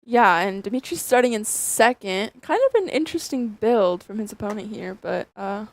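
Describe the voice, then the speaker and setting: A woman's voice: mid-range voice, normal speed. A young woman co-casting a college esports match in a chatty, upbeat way with plenty of fillers. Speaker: esports co-caster. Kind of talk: casual esports commentary.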